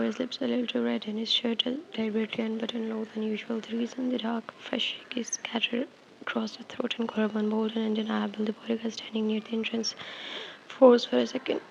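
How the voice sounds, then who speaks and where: A woman reading a romance fan fiction aloud, soft and slipping into whispers, with small stumbles and restarts. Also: on the high side, vocal fry, muffled recording, slight background noise. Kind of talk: storytime narration.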